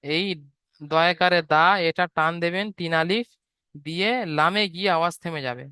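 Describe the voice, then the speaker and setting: A man's voice: on the high side, brisk, pushed and bright, clean tone, no room sound. A man teaching Quran letter sounds patiently, repeating each point and drawing out every sound. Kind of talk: step-by-step online lesson.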